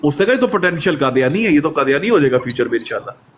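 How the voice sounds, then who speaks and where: A man recounts his experiences in a relaxed interview, slipping into other people's voices as he retells conversations. A faint hiss sits under the recording. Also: on the high side, very fast. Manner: animated storytelling, acting out quoted exchanges. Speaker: guest.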